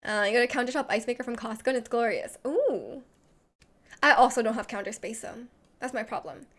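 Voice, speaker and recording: The streamer's fairly bright, highish voice moves a little fast as she reads chat and chats loosely. A slight lisp colors her rambling, "like"-heavy speech.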